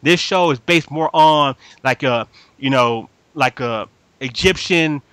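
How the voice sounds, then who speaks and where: At a medium pitch and slow pace, a man with a slightly bright voice hosts an anime review podcast as a casual chat with fans. He speaks emphatically in slang, repeats himself and keeps asking if listeners are following. No room sound is audible.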